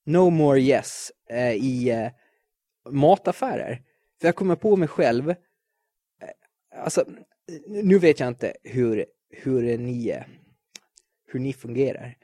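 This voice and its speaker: A man's voice: medium pitch, animated, pauses often, mellow, no echo, studio quality. A man in his late twenties from Sweden hosting a solo podcast, rambling in a jittery, self-mocking way and stumbling over repeated words. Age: late 20s. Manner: jittery, self-described neurotic. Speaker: podcast host. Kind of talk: casual solo podcast monologue.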